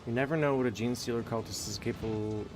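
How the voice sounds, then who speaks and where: A man's voice: mid-range voice, fairly even intonation, quick pace, music in the background. A man chatting casually and reading game text aloud during a co-op session.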